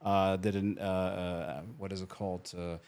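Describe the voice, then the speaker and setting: A man's voice: deep voice, level tone, moderate pace, a little mellow. A middle-aged man from Germany, a hotel marketing guest in a casual interview, talking with many fillers and restarts. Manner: chatty, frequent fillers and restarts.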